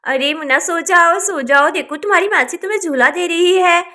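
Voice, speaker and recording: Woman voicing a young doll aunt, fretting and pleading, super high bright voice. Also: moderate pace. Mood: fretful. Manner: fretful, pleading. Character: young village woman minding her sister's baby.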